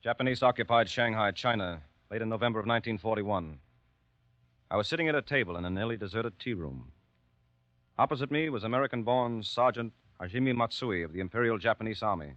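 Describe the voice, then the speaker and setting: Low-voiced grave American war correspondent. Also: male voice, animated, brisk, fairly bright tone, no room sound, soft background music. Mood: grave, narrating. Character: American war correspondent narrating his story, wry, candid. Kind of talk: grave 1940s radio war drama acting. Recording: dull old 1940s radio recording.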